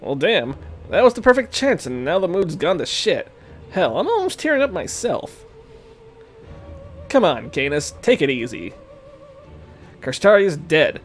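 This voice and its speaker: A man's voice: on the high side, sing-song, a little slow, pauses often, soft background music. A man voicing a sly, smug young man who drawls and threatens casually while reading game dialogue. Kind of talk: reading a game's dialogue aloud.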